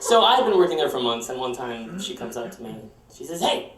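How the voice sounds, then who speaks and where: A man's voice: medium pitch, big pitch swings, a little fast, crowd noise. A young man telling a wry, self-mocking story to a live audience on a storytelling stage. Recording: roomy live stage, heard from far off, audience laughter.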